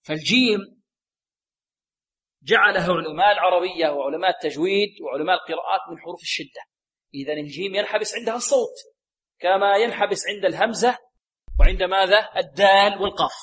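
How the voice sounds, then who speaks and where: Guy teaching quran recitation, fairly high voice, keeps asking the class and repeating the answers. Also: fast, a bit bright, slightly rough. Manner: drills sounds aloud, asks the class questions and repeats answers; often repeats a set blessing phrase to the students. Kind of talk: tajweed lesson to students.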